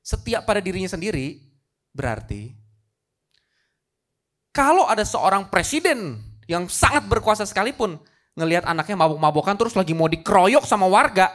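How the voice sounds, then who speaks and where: A man's voice: sits high, very animated, normal speed, long pauses, a bit bright. A male pastor preaching a live church sermon, telling a story dramatically and rising to emphatic peaks. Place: church service, recorded live.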